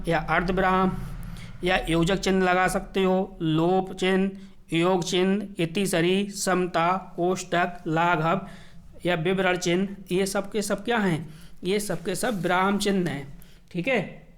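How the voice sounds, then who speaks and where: Male teacher, high voice, drills answers slowly and asks himself questions. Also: flat delivery, a bit bright. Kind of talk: exam paper walkthrough.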